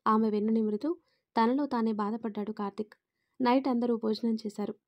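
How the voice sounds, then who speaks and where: Woman storyteller, high dry voice. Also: steady tone, a little fast, no echo, lo-fi sound. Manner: reads all characters in her own voice, lifting louder for quoted lines. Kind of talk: scripted narration with character dialogue.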